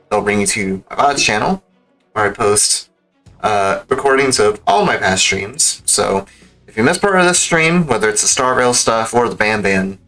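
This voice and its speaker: A game livestreamer with a low, sharp voice signs off his stream in casual chat, informal, rambling and full of slang, with background music playing.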